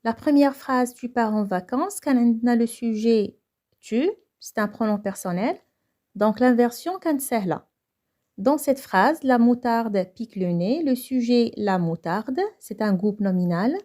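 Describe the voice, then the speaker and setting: A young woman with a Moroccan accent and a slightly high, dark-toned voice teaches a French grammar lesson at a normal pace. She explains each point, then repeats it in Moroccan Arabic.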